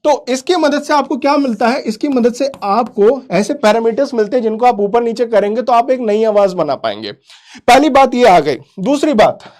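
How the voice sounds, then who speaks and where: Teaching children in a live online class, this man speaks at a moderate pace with an extremely high, animated and slightly mellow voice. He keeps quizzing the chat, addresses students as "beta," says "theek hai" repeatedly and blends English into his explanations.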